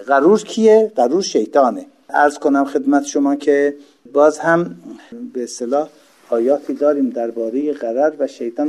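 Male religious teacher, lecture delivery, slightly high pitch, slow recited quotes, plain explanations. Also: darkish tone. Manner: rhetorical questions to listeners. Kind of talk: explanatory lecture on Arabic text.

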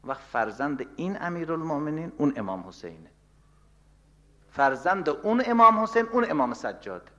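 Impassioned high, bright-voiced male preacher. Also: lo-fi sound. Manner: impassioned, swinging from loud declarations to hushed, murmured replies. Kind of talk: sermon.

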